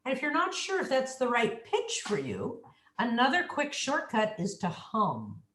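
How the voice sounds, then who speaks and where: A woman's voice: fairly high pitch, wildly swooping pitch, a little slow, a bit bright, echoey room, slight background noise, low-quality recording. A woman speech coach giving an instructive, demonstrative lesson on voice, speaking without a microphone.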